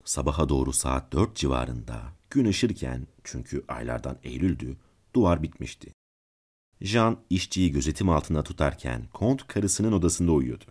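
A man reading a classic story aloud as a channel's narrator, calm and measured. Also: a bass voice, husky. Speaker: audiobook narrator and channel host.

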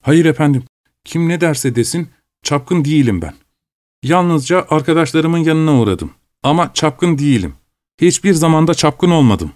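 A man's voice: fairly high pitch, expressive, normal speed, darkish tone, no room sound, voice pushed up, close to an everyday voice. A man reading aloud and voicing a drunk, insolent male servant who repeats himself stubbornly; dry, close recording.

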